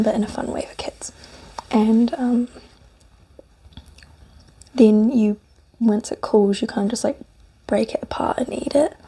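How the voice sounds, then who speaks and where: A woman with a New Zealand accent softly whispers a breathy, musing ASMR food review while eating cereal. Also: on the high side. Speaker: snack reviewer.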